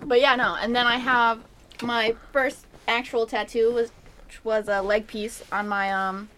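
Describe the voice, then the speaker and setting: A woman's voice: on the high side, little pitch movement, measured pace, sharp tone, slight background noise. A woman in her twenties co-hosting a podcast, chatting loosely and giggling often while eating lunch. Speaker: podcast co-host. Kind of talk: casual chat.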